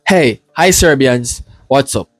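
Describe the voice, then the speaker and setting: A man from Jamaica with a Jamaican accent, hosting a casual reaction video and gushing with excited praise as he talks to his viewers. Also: medium pitch, slow pace, soft background music.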